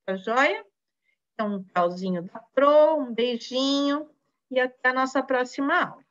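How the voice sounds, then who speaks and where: A woman with a Brazilian Portuguese accent teaching a recorded lesson to children, slow and patient, encouraging, full of diminutives. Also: high-pitched, a bit bright, muffled recording. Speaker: primary school teacher.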